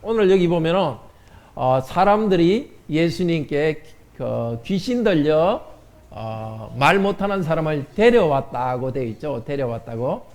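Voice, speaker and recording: A man's voice: fairly high pitch, expressive, unhurried, a little mellow. A man pastor giving a children's sermon in church, asking the children questions and answering them. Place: church sanctuary.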